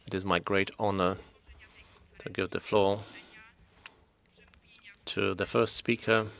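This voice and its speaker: A man's low, gravelly voice carries formal conference speeches into English as simultaneous interpretation. The pace stays steady and measured, with occasional moments where he drops to a near-whisper.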